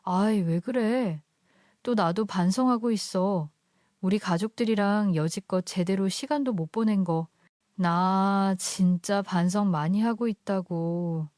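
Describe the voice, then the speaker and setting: A woman's voice: mid-range voice, a little slow, a little mellow, no room sound, studio quality, natural voice. A woman voicing a sly husband who coaxes and pleads with his wife for money. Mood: coaxing. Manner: coaxing, pleading.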